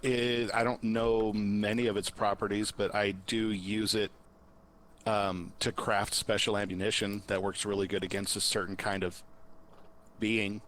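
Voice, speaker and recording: A man's voice: on the low side, level tone, measured pace, a bit bright, slight background noise. A man playing a tabletop game, talking casually and chattily with the group. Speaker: player.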